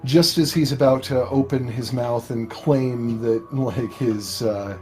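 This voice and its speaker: A man narrating a tabletop game as game master, improvising the story in a halting, measured way. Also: medium pitch, steady tone, a little mellow. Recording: faint background music.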